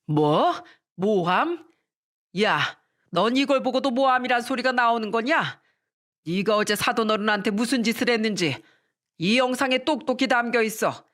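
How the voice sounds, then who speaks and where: A woman's voice: fairly high pitch, expressive, normal speed, fairly bright tone. A woman voicing a stern, burly older father who roars at and scolds his son in a storytelling radio drama. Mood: enraged. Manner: roaring, scolding.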